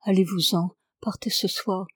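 Gentle, grave clairvoyant lord, read by a woman. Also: medium pitch, steady tone, measured pace, husky, no room sound, studio quality. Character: calm, sorrowful clairvoyant English lord, adult man.

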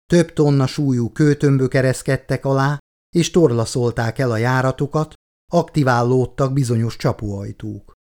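A man narrating an audiobook in a measured, even reading. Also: mid-range voice. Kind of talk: scripted narration.

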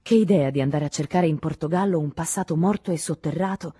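A woman reading a novel aloud as an audiobook in a measured, composed way, recorded in a studio. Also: deep voice, mellow, husky, no echo. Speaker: audiobook reader. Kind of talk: literary audiobook narration.

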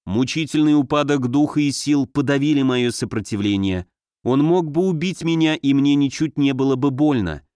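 A man narrating a first-person story in a steady, measured reading, on a close studio mic. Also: medium pitch, clear, resonant tone, no room sound. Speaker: audiobook reader.

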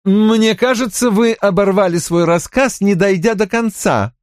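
A man voicing a cold, sharp male doctor who speaks in a clipped way. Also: high voice, unhurried, no room sound, studio quality, pitched above the performer's own voice.

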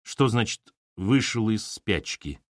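A man's voice: mid-range voice, expressive, a little fast, no room sound, studio quality, voice pushed up, natural voice. A man reading an audiobook, voicing a distraught young woman who answers sharply and defensively. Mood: upset.

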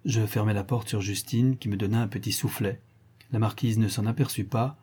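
Husky-voiced man narrating a classic novel. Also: lowish voice. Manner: measured, expressive reading with dramatic pauses. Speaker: audiobook narrator. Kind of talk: literary audiobook narration.

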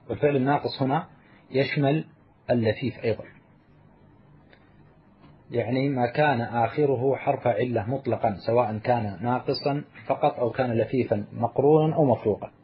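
A man's voice: medium pitch, slightly rough. A man teaching a grammar lesson, explaining each rule step by step and answering his own questions. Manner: spells out example words slowly. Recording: muffled lo-fi recording.

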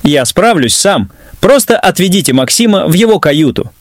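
A man's voice: high-pitched, very animated, normal speed, dry recording, clean studio sound, full character voice. A man reading as a distraught captain father. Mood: pained. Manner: pleading, shaken. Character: distraught middle-aged male yacht captain and father.

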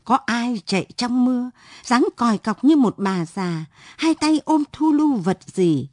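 Expressive woman narrating. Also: a little high, measured pace, no echo, studio quality. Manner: expressive, dramatic reading. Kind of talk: storybook narration.

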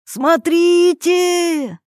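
A woman's voice: on the low side, a little slow, no room sound, natural voice. Woman narrator voicing a man lost in the woods, tense and urgent, dry close read. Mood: elated. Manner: urgent, hushed commands. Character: frightened, scolding man lost in a forest. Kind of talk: audiobook character reading.

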